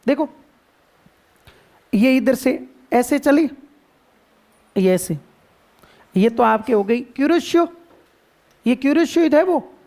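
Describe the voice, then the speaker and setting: A man with a Rajasthani Hindi accent teaching geography to a class, playful and quizzing students with drawn-out repetitions. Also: extremely high pitch, darkish tone. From India. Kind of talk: classroom lecture.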